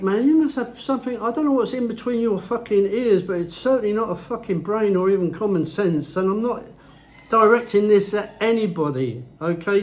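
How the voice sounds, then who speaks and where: A man's voice: sits high, a little mellow. A man ranting in his own vlog, blunt and heavily profane, talking at home. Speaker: vlogger.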